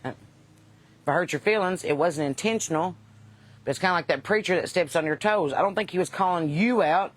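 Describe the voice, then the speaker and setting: A woman's voice: lowish voice, brisk. A woman from Kentucky with a Southern US accent chats casually to livestream viewers as host, folksy, unpolished and wisecracking. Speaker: host and singer chatting with live viewers.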